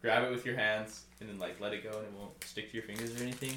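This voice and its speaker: Young guy guest, low easygoing voice, echoey room, noisy background. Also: steady tone, fast, bright, forceful tone. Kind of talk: casual chat.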